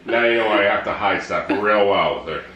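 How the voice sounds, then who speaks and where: A middle-aged man chatting casually, unhurried and understated, with some hesitation. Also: fairly low pitch, bright, forceful tone, highs cut off. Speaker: vlogger's partner, co-answering questions. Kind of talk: casual chat. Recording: roomy echo, faint background noise.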